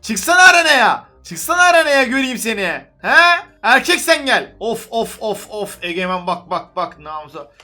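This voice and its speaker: Gaming YouTuber, male, very high and bright voice, excitable and teasing, music underneath. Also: normal speed, hardly any pauses. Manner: excitable, teasing, chatters to other players. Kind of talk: gameplay commentary.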